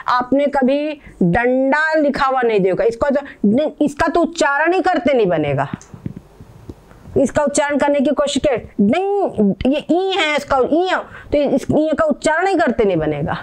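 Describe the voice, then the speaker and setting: Her voice sitting high and animated, a woman patiently walks learners through Sanskrit pronunciation, saying words slowly more than once and making sure everyone keeps up.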